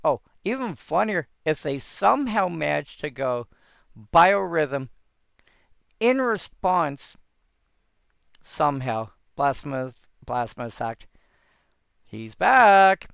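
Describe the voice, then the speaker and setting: A man's voice: a little high, very animated, takes it slowly, creaky, fairly bright tone, clean tone, no echo, studio quality. A man hosting a casual solo commentary on old game cards, thinking aloud and rambling with frequent restarts.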